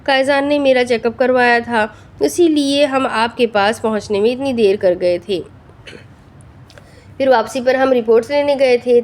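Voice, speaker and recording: A woman's voice: a little high, a little mellow, close to an everyday voice. A woman reading as a tearful young wife. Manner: pleading, upset. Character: tearful young pregnant wife, clinging and hurt.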